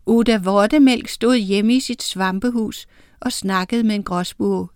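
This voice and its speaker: A woman's voice: medium pitch, fairly even intonation, a little mellow, smooth, no echo, studio quality. Woman reading a children's storybook. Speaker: narrator.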